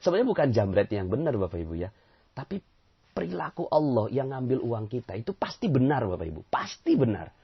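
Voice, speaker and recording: Gravelly, husky man preaching. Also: medium pitch, fairly quick, highs cut off. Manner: animated, acts out quotes, keeps addressing listeners; drops to near-whispered muttering. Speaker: Islamic teacher. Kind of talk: casual sermon to a congregation.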